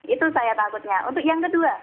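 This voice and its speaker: A female phone-in caller speaks through a narrow, phone-like line. Her voice sits fairly high, and she lays out her points in order in a plain, direct way. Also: expressive, brisk, slight background noise. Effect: phone-line caller heard through a call-in line. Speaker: caller to a TV talk show. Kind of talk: call-in opinion.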